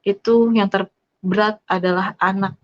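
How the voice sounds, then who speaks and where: A woman giving an earnest, halting personal faith testimony, pausing often with fillers. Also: medium pitch, steady tone. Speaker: testimony speaker. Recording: dull lo-fi sound.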